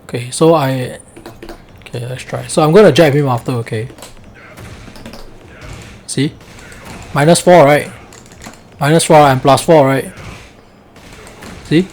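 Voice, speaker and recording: Singlish-speaking man coaching, higher-pitched voice. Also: a little slow, long pauses, a little mellow. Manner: colloquial Singlish, checks understanding with frequent "right?". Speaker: fighting game coach. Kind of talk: casual live coaching with game demonstrations.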